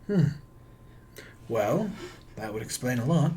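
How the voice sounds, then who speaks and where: A man's voice: mid-range voice, big pitch swings, takes it slowly, dark tone, voice pushed down. A man voicing a wary, curious male forest elf who talks in a dry, questioning way.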